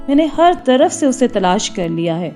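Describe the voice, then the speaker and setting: A woman's voice: a little high, sing-song, mellow, faint music behind. A woman voicing a tearful mother dove. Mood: distressed. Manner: tearful, pleading. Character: grieving mother dove searching for her chick.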